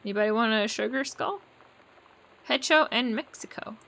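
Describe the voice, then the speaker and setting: A woman's voice: a little high, normal speed, gravelly, bright, forceful tone. A young adult woman streamer giving casual, joking commentary while playing a game, giggly and swearing casually.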